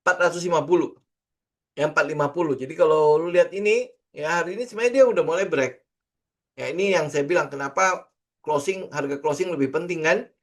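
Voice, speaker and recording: A middle-aged man talks through a casual trading lesson. His voice sits a little high, and he keeps it loose and chatty, full of fillers and rhetorical questions. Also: a little fast. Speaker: trading instructor. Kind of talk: casual screen-share lesson.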